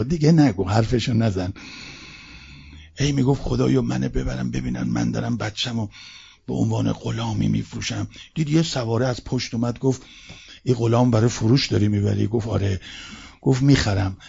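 A hoarse man preaching at a religious mourning gathering, quietly telling a story and voicing its characters' lines. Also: medium pitch. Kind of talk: mourning sermon storytelling with chanted lament. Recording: dull lo-fi recording.

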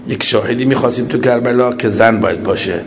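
A man giving a religious sermon in a reflective, measured preaching manner, often posing rhetorical questions. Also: medium pitch, background noise. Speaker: cleric.

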